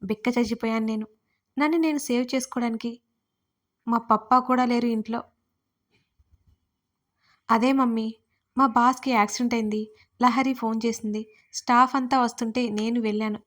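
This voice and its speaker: A woman's voice: a little high, fairly even intonation, normal speed, long pauses. Woman narrating a chatty love story. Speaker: writer and narrator. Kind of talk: first-person audio story narration.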